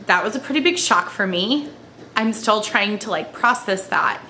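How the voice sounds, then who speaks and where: A woman crying as she talks in a personal confessional vlog, halting and emotional as she searches for words. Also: medium pitch, expressive, bright, forceful tone, a little hiss or hum. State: crying, tearful. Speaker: vlogger.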